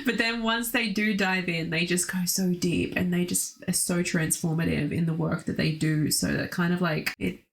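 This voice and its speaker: Chatty woman with a lowish voice. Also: steady tone, moderate pace, gravelly, few pauses, noisy background. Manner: enthusiastic, frequent laughs and fillers. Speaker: podcast co-host. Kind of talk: casual astrology chat.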